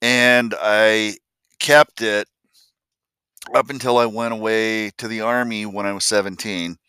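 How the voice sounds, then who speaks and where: A man's voice: fairly low pitch, fairly even intonation, unhurried, bright, forceful tone, smooth, no room sound, clean studio sound. An older man from Ohio telling a family story as a vlogger, folksy and blunt, and acting out the voices of the people in it. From Columbus, Ohio, USA. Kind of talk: personal storytelling.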